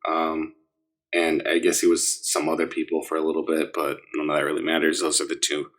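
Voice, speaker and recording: A man with a deep, low voice co-hosting a gaming podcast. He talks in a halting way with many fillers and slips in dry jokes. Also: monotone, a bit bright. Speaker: podcast co-host. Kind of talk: casual podcast chat.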